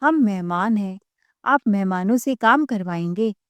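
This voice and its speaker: Spoiled younger brother, demanding, indignant, middle pitch, dry close sound, voiced by a woman. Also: lively intonation, measured pace, clean tone, no room sound, lightly acted.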